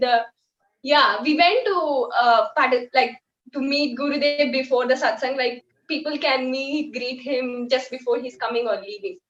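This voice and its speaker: A young woman from India with an Indian English accent, telling a personal story as a guest in a halting, heartfelt way with many fillers. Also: sits high, fairly bright tone. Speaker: guest volunteer. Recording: echoey, distant, dull sound.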